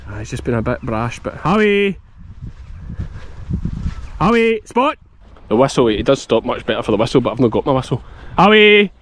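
A man's voice: mid-range voice, animated, normal speed, pauses often. A man in his thirties with a broad Scottish accent, a sheep farmer chatting casually as he vlogs and talks to his dog. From Scotland. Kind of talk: casual outdoor vlog chat, talking to child and sheepdog. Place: outdoors in an open farm field. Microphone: action camera held at arm's length. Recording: outdoor field noise.

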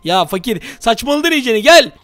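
A man hosting a Minecraft role-play let's play, shouting in fright and talking straight to his viewers. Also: very high voice, fast. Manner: frantic, shouting in fright, addresses viewers directly. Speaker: gaming YouTuber, host.

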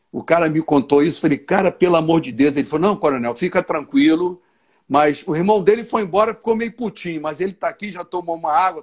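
A man with a Rio de Janeiro accent, telling a long story on a video call as an interview guest and acting out each person in it. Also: high voice. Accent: Rio de Janeiro Portuguese. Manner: animated, acts out dialogue with voices. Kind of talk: casual storytelling.

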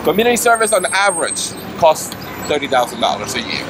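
This street interview catches a man in his thirties pressing his cause with earnest insistence, very animated and brisk. His voice sits slightly high for a man, and the city street's traffic noise is audible under everything he says.

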